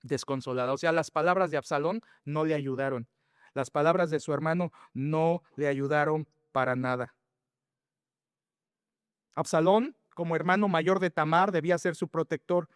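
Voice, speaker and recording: A man's voice: a little high, fairly even intonation, moderate pace, clear, resonant tone, no room sound, clean studio sound, in a large hall. A man preaching an expository sermon to his congregation as pastor, earnest and emphatic, often asking rhetorical questions and speaking straight to his listeners. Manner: addresses the congregation directly. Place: church sanctuary.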